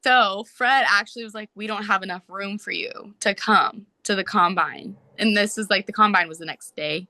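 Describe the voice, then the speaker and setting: A young woman and soccer player, a podcast guest, telling a story in casual, animated talk full of "like"s. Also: mid-range voice, dry recording. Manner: animated, fast storytelling with many "like"s.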